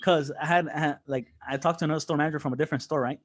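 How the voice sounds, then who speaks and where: Speaking in a racing, slightly high voice, with a little hiss or hum on the recording, a young man co-hosting a podcast chats casually. He tells an animated story, cursing often and laughing a lot.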